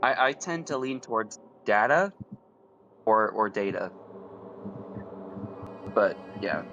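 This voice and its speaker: A man's voice: on the low side, expressive, normal speed, creaky, fairly bright tone, lo-fi sound, slight background noise. A man chiming in on a game stream with trivia and dry wisecracks, sometimes tripping over his words. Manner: chimes in with trivia and wisecracks, some stumbles. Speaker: co-commentator. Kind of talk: casual gaming commentary. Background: game music.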